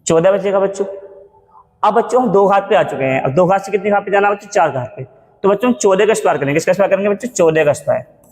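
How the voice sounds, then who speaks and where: A man's voice: sits high, animated, quick pace, darkish tone, big-room sound. A man teaching a maths lesson in Hindi, calling viewers children and asking questions he answers himself. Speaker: math teacher. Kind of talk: classroom-style maths lesson.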